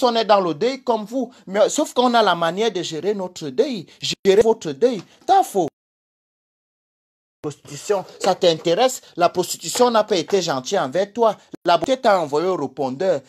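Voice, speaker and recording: A man with a Cameroonian French accent rants on a livestream in a high-pitched, slightly rough voice. He mocks and insults, repeating his jabs while delivering them in a sweet, honeyed tone.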